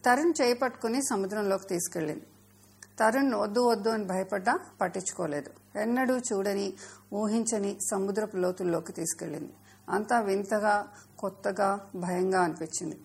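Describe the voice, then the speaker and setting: A woman narrating a children's story in a measured, expressive way. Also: mid-range voice, vocal fry, breathy edge.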